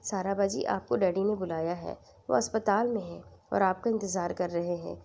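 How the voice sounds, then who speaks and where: A woman's voice: medium pitch, creaky, darkish tone. A woman voicing an anxious young man who pleads with a trembling voice. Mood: pleading.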